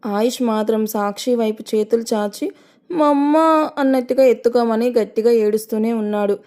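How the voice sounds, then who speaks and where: A woman narrating a dramatic audio story in a measured, storytelling manner. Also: on the high side, little pitch movement, mellow.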